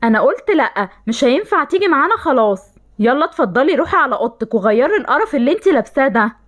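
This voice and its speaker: A woman's voice: sits high, big pitch swings, very fast. A woman doing a harsh, scornful father. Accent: Egyptian Arabic. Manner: cold, scornful. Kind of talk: voiced game-animation story.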